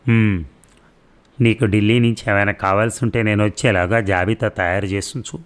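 A man's voice: fairly low pitch, steady tone, fairly quick. A man narrating a family drama story and reading every character's lines in his own voice. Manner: reads all the characters' dialogue in his own voice.

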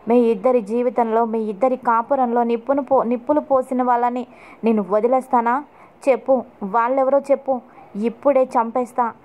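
A woman voicing a hot-tempered young man who shouts threats of revenge, read in her own voice. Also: on the high side, close to an everyday voice. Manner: shouting, heated.

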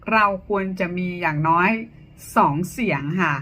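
A woman teacher giving a short lesson on charming speech, explaining clearly and shifting her tone to demonstrate. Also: lowish voice, moderate pace, bright, forceful tone, slight background noise. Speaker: speaking-skills teacher. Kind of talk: short instructional talk to camera.

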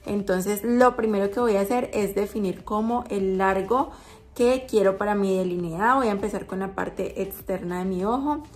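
Woman doing a makeup tutorial, chatty, walks thru every step, mid pitch, soft music behind. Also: normal speed. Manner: chatty, explains each step, many fillers. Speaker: makeup vlogger.

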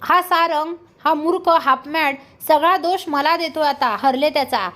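A woman's voice: sits high, a little slow, fairly bright tone. A woman voicing an indignant young woman who dismisses and insults her partner.

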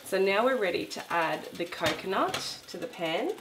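A woman's voice: medium pitch, big pitch swings, moderate pace, background noise. Woman teaching a home recipe. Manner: warm, instructive, chatty. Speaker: cooking show host. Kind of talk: cooking demonstration. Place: home kitchen, indoors. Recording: echoey home kitchen.

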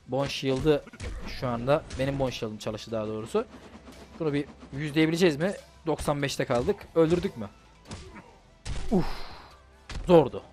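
Man, gameplay commentary, mid-pitched voice, talks to himself, curses, faint music behind. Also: a little mellow. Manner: talks to himself and the game, swears, frustrated outbursts. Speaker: gaming YouTuber.

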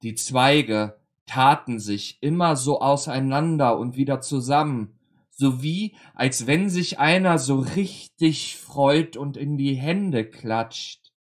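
A male storyteller reading a grim fairy tale at a very slow, deliberate pace. His voice sits in a middle register, and he lingers on words with dramatic pauses. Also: medium pitch.

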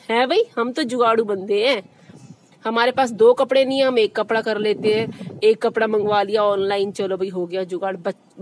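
A woman with a higher-pitched voice chats fondly to her street dogs on a casual vlog. She coos at them in a doting, baby-talk way and keeps asking them little questions. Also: a little hiss or hum. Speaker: vlogger caring for street dogs.

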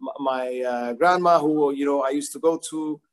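On a video call, a grandson in his forties shares an informal personal remembrance as a guest, speaking at a moderate pace in a slightly high voice. His phrasing is thoughtful and hesitant, and the sound comes from the device's microphone.

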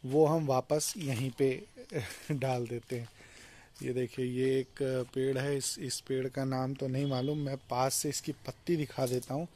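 A young man casually walking through his home garden with a handheld camera, explaining each plant in a relaxed way. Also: mid-range voice. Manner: relaxed, explanatory, mixes English words into Hindi. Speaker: vlogger giving a garden tour. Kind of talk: casual walk-and-talk garden tour. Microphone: handheld phone or action camera, point-of-view. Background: faint outdoor ambience.

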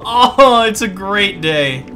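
A young man doing casual, jokey gameplay commentary, excitable, with sudden yelps and muttered asides. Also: high voice, slow, soft background music. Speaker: gaming streamer.

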